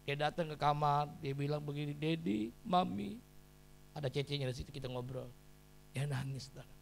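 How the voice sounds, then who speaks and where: A middle-aged male pastor preaching a sermon, dropping to quiet confiding tones and rising to loud shouted exhortation. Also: on the high side, completely flat delivery, quick pace, vocal fry, slight background noise.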